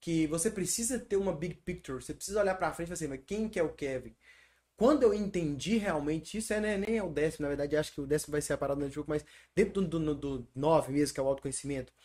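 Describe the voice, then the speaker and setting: A man's voice: a little high, fast talker, a little mellow. A man co-hosting a casual podcast, talking in slangy, emphatic bursts. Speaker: podcast co-host.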